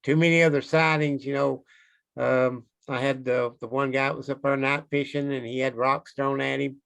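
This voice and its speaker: A man's voice: mid-range voice, little pitch movement, normal speed, gravelly, a bit bright, smooth. A man with an Eastern Kentucky accent recounting things casually as an interview guest, in a plain-spoken, folksy way. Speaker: interview guest, Bigfoot researcher.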